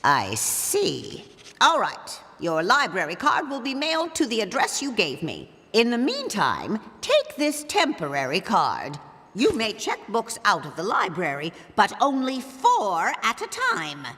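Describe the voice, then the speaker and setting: An actress playing a stern, prim town librarian in a cartoon adventure game, hushing and officious, with clipped, emphatic delivery. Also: female voice, medium pitch, wildly swooping pitch, unhurried, exaggerated voice. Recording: long echoing reverb, library hall effect.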